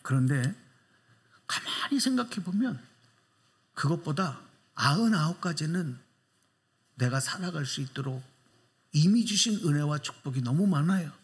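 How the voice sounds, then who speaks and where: In church, the pastor uses lively intonation at normal speed, leaving long pauses between points. He's emphatic, firing rhetorical questions at the congregation and varying his pitch widely for emphasis.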